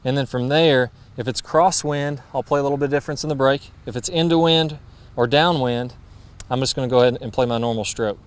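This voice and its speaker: Fast-talking golf coach outdoors. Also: male voice, mid-range voice. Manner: brisk, friendly, practical coaching. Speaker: golf instructor. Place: golf putting green, outdoors. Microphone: lapel mic.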